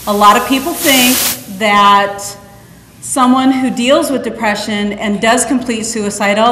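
A woman's voice: mid-range voice, fairly bright tone, a little hiss or hum. A middle-aged woman from Northeast Nebraska giving an earnest, direct personal testimony at a school conference, acting out the dialogue she quotes. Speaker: conference speaker. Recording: echoey hall, long reverb.

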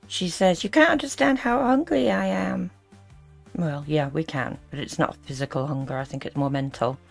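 Woman, low pitch, sarcastic reaction host, disapproving commentary, music in the background.

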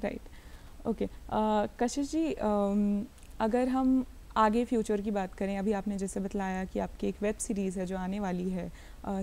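A woman hosting a broadcast interview, asking long, measured questions. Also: medium pitch, warm tone. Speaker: TV interview host.

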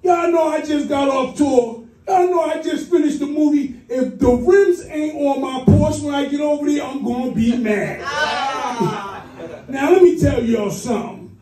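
A man from Boston doing a loud, crude stand-up set, shouting at the crowd in a comedy club. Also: very high-pitched, measured pace, recorded from a distance. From Boston, US East Coast. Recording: roomy club sound from afar, music.

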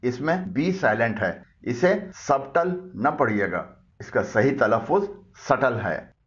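Urdu-speaking guy teaching how to say english words, steady explainer tone, kinda muffled recording. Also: medium pitch, unhurried. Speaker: language teacher. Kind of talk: explanatory lesson.

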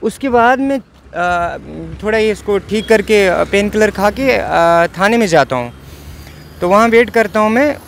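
A young man with a Kashmiri accent tells his story in an earnest, pleading way, often repeating himself. His voice sits high for a man. Faint street traffic hums behind him outdoors. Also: expressive, measured pace, gravelly. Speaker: interviewee, assault victim. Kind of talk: emotional eyewitness account.

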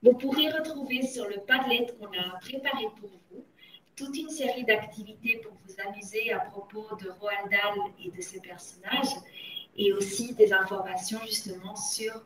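A woman reading a children's novel aloud and talking to children in a lively storytelling manner. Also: medium pitch, normal speed, far from the mic. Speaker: reader. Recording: echoey room, off-mic.

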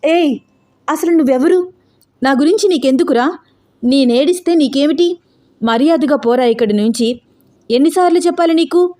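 A woman voicing a tearful, hot-tempered young woman who shouts and scolds. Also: high-pitched, moderate pace, long pauses, pitched above the performer's own voice, natural voice. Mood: furious. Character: young woman, fiery and tearful, quick to anger.

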